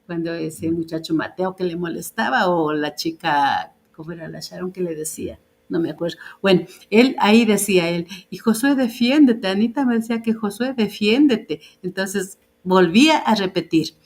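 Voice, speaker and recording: A woman, a parent taking part as a guest, telling a family story in conversation. She acts out the lines of quoted speech and pauses on hesitant fillers. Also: on the low side.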